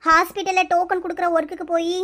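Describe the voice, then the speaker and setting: A woman's voice: very high-pitched, flat delivery, sharp tone. A woman voicing a mistreated young village woman in her twenties in a cartoon, telling her hardships in a tearful, pleading way. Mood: sorrowful. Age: 20s. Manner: tearful, pleading, rapid storytelling. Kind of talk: cartoon voice acting.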